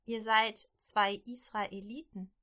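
Rahab, a woman playing a quick-witted innkeeper. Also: mid-range voice, fairly even intonation, bright, forceful tone. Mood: pleading.

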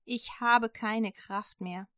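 A woman's voice: on the high side, steady tone, slow pace, sharp tone, dry recording, clean studio sound. A woman voicing a worn-out male prophet who talks in earnest, sighing pleas. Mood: earnest weary.

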